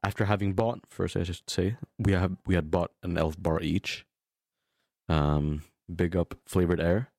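A man's voice: low voice, fairly even intonation, measured pace, a little mellow, no room sound, studio quality. A young man chatting casually as a podcast co-host, telling stories in bro-ish frat-boy slang with plenty of swearing. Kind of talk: casual chat, storytelling.

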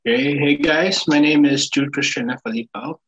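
A young man with a Cebuano accent, a student guest talking haltingly with many fillers, mixing Cebuano into English. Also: a little high, fairly bright tone, slight background noise. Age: young adult. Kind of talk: casual podcast chat. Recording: muffled lo-fi mic.

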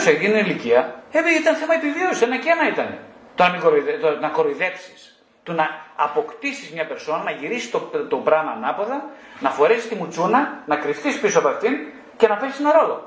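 A man's voice: a little high, a bit bright, reverberant, slight background noise, rough recording. A middle-aged man, a psychotherapist speaking to a group, blunt and mockingly scolding, firing rhetorical questions straight at his listeners. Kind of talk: talk to a group.

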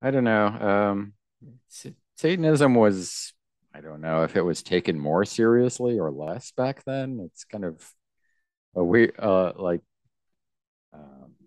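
A man co-hosting a podcast in casual chat, with a hesitant, halting way of talking. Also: lowish voice, expressive, darkish tone, no echo, studio quality. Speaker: podcast co-host.

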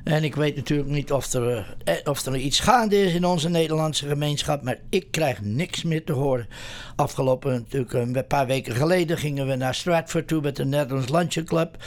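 A man hosting a community radio show, talking casually with frequent pauses and restarts. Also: medium pitch. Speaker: radio host.

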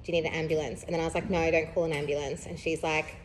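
A woman's voice: low voice, level tone, racing, a little hiss or hum. A young woman, chatting candidly as a podcast host, rambling with lots of fillers and laughing through heavy subjects. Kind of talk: casual candid chat.

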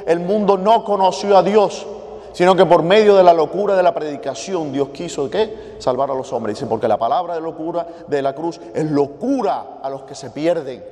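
A man's voice: a little high, dark tone. A man preaching a conversational sermon in a church, acting out pleading prayers and a stern divine rebuke. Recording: long reverb of a church hall.

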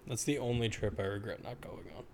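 A man's voice: fairly low pitch, fairly quick, slight background noise. A young American man talking casually among friends. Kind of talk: casual chat.

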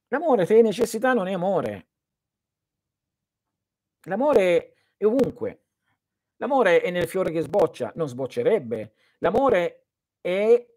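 A man's voice: on the high side, darkish tone, no room sound, clean studio sound. A man hosting a live stream as a spiritual teacher, answering viewers' questions in an earnest, didactic way and speaking straight to his listeners.

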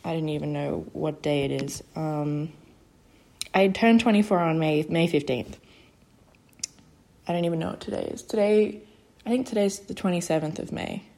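A woman's voice: low voice, expressive, normal speed, vocal fry, pauses often, mellow. A woman in her twenties hosting a solo podcast, nervous and hesitant, with many fillers and restarts. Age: 20s. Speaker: podcast host. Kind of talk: casual solo podcast talk.

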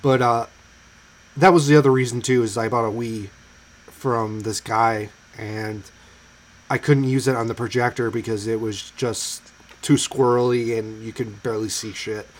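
A man's voice: mid-range voice, steady tone, normal speed. A man co-hosting a podcast in loose, chatty casual conversation, full of ums and likes. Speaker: podcast co-host. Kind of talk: casual chat.

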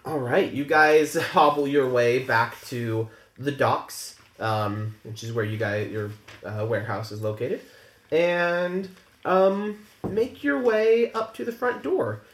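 A man narrating a tabletop game as game master, halting with many fillers. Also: mid-range voice, echoey room. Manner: halting, lots of fillers and laughs.

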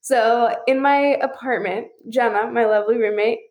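A woman's voice: fairly high pitch, moderate pace, darkish tone, reverberant. A woman in her twenties, a podcast guest telling frank, casual stories full of filler words and swearing, over a video call. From St. Louis area. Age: 20s. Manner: candid storyteller, swears freely, many "like" fillers. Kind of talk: casual chat.

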